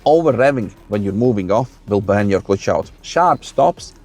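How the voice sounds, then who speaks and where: A man speaking as a driving instructor, calmly narrating each action in a step-by-step demonstration. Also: fairly low pitch, moderate pace, faint music behind.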